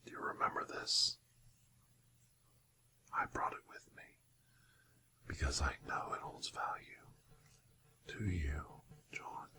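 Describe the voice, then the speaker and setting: Man acting a slow, whispering, deep-voiced interrogator. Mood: hushed, coaxing. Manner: interrogator, slow deliberate questioning and bargaining. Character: sly male interrogator, time-travelling doctor, coaxing and menacing. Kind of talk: whispered role-play.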